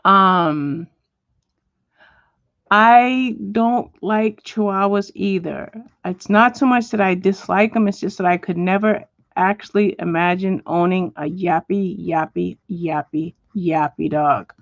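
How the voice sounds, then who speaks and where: A woman hosting a home livestream as she colors. She chats with viewers and answers them by name, and now and then she drops to a soft whisper. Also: lowish voice, slow, no room sound, dull audio. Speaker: livestream host. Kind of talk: casual chat while coloring, reading viewer comments. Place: at home, indoors.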